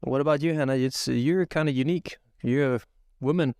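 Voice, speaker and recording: A young man raised in Belgium co-hosts a casual tech podcast. His voice has a gravelly edge, and he talks haltingly, full of fillers, yet eagerly. The sound is dry and close-miked. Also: medium pitch, a little mellow, dry recording. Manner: halting, many fillers and restarts, enthusiastic. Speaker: podcast co-host.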